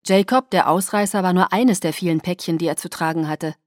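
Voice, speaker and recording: A woman reading a novel in first person with steady, even storytelling. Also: on the low side, brisk, no room sound, clean studio sound. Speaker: audiobook reader. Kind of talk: scripted first-person narration.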